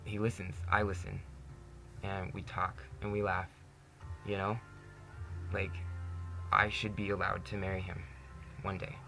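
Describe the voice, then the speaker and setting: A man's voice: low voice, completely flat delivery, a little slow, gravelly, pauses often, bright, forceful tone, faint music behind. A young man in his twenties from Canada, speaking candidly to camera in a personal monologue, earnest and peppered with "you know". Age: 20s. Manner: earnest, candid, says "you know" constantly, laughs often. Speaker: vlogger.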